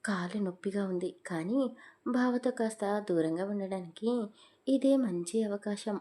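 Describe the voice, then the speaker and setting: A woman storyteller reading a scripted romantic audio story in a steady, expressive way. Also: medium pitch, normal speed.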